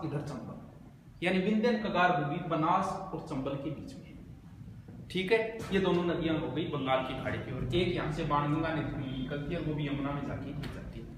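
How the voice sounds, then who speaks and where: Brisk male exam coach with a high voice, recorded in an echoey hall with long reverb. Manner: brisk, explanatory, repeats key points. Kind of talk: quick spoken geography lesson with memory tricks. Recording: very echoey, noisy room.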